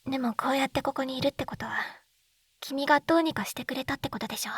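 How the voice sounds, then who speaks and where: This Japanese ASMR voice acting features a woman with a high voice as a shy, tender, lovestruck schoolgirl reunited from another world, in an intimate situation. Her delivery is tender and intimate, breathy and halting, often dropping to a whisper, picked up close by a binaural dummy-head mic with no echo.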